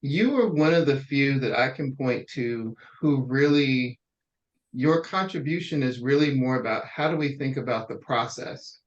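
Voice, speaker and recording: A man at medium pitch, speaking a little slowly, hosts an interview and frames long, careful questions in a conversational tone. The audio is dull and lo-fi.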